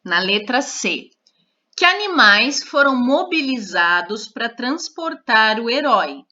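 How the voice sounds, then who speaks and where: Lady teacher going over syllables real slow, bright voice, kinda dull lo-fi sound. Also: on the high side, big pitch swings. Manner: spells out syllables slowly and repeats each word. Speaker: third-grade Portuguese teacher. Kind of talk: slow, careful classroom lesson. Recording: dull lo-fi recorded lesson.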